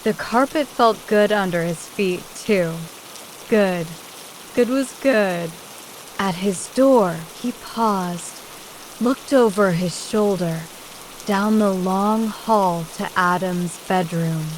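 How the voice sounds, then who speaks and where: A woman narrating a horror audiobook in a slow, measured way. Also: medium pitch, a little hiss or hum, rough recording. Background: rain.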